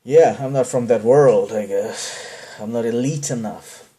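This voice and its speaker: A man from Bangladesh hosts a podcast with a Bangladeshi accent, speaking in a medium-pitched, warm, unhurried voice. His monologue is rambling and self-deprecating, repeatedly trailing off and restarting.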